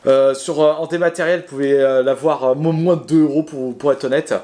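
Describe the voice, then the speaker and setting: His voice sits on the high side, steady and mellow, moving a little fast. He's a gaming video creator casually showing off his video game collection to viewers, chatty but hesitant, full of fillers, restarts and self-deprecating laughter.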